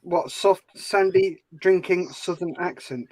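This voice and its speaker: A man's voice: high-pitched, takes it slowly, a little mellow, slight background noise, low-quality recording. A man in casual chat on a video call, trading dry, teasing banter.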